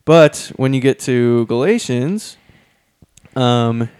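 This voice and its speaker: A man's voice: medium pitch, expressive, slow pace, darkish tone, clean tone, no room sound. A man co-hosting a casual podcast, reading Bible passages aloud between many ums and restarts, a little out of breath. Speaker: podcast co-host.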